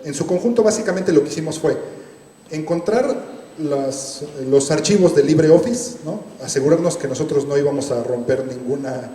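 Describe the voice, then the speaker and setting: A man's voice: on the high side, moderate pace, mellow, a little hiss or hum. A man who speaks Totonac as a first language, explaining an orthography project carefully with many fillers. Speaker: university team member presenting software. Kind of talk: explanatory presentation. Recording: roomy recording with long reverb.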